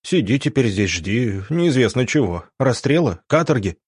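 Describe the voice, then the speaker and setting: A man's voice: mid-range voice, very animated, moderate pace, a little mellow, slightly rough, no echo, clean studio sound. A man voicing a panicky, indignant young male medic who protests in agitated outbursts.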